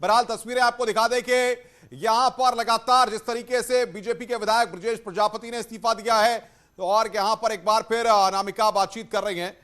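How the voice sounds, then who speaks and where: A man's voice: high voice, fairly even intonation, fairly bright tone. A male news anchor handing over to a field reporter in a live broadcast. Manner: brisk, directing the reporter.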